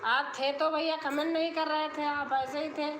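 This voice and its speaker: A woman hosting a casual live stream on her phone, chatting slowly and greeting viewers by name as she reads their comments. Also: sits high, little pitch movement, fairly bright tone. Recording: echoey room with background noise.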